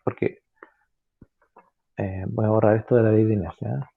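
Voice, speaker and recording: Gravelly-voiced male physics teacher. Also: fairly low pitch, fairly even intonation, narrow, tinny audio, a little hiss or hum. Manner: explains step by step, checking in often with tag questions; halting, with frequent fillers and self-corrections. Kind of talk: online physics lesson.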